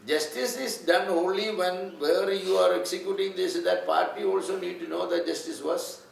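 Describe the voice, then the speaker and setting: A man's voice: sits high, expressive, moderate pace, vocal fry. A man with a Malayali English accent preaching a sermon in short phrases, chuckling often. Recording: echoey room, distant mic, faint hiss.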